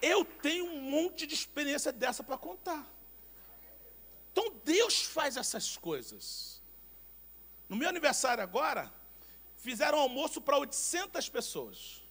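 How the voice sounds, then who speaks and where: A Brazilian man preaching a sermon as pastor, telling personal anecdotes in an animated, emphatic way with repeated words. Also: very high-pitched, measured pace, pauses often. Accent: Brazilian Portuguese.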